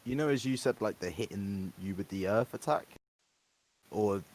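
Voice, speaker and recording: A man on a gaming podcast, walking through game details and letting his sentences trail off quietly. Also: fairly low pitch, normal speed, low-quality recording. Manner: explanatory, trailing off softly. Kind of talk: casual gaming podcast chat.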